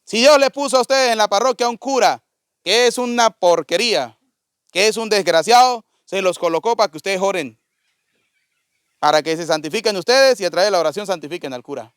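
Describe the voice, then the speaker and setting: A priest preaches in a conversational way, turning to his congregation with questions. His voice sits high for a man and sounds clean and resonant. The sound is dry and close. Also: animated, fairly quick, fairly bright tone, smooth, no room sound. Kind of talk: sermon.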